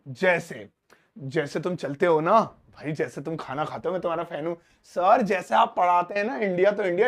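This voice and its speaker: A man with a high-pitched voice teaches spoken English. He is animated and acts out little student lines. He slows right down when he spells out the English phrases.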